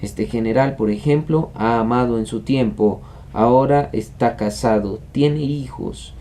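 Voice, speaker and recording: A man reads a classic short story aloud in a measured, storytelling way. His voice is dark and mellow, and his pitch sits at an average level. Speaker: audiobook reader. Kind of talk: literary audiobook narration.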